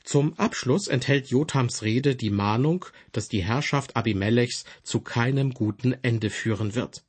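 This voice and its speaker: Male Bible commentator, husky voice, mid pitch, measured solemn scripted reading.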